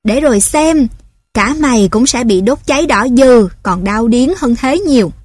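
A woman reading the lines of a spiteful peasant neighbor who shouts curses in a hoarse voice. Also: extremely high pitch, expressive, moderate pace, dry recording. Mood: threatening.

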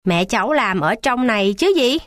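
Woman doing a scolding gruff gatekeeper man, higher voice, dry close sound, storybook. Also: expressive, moderate pace, dry recording, lightly acted. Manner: scolding, threatening. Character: gruff male hospital gatekeeper.

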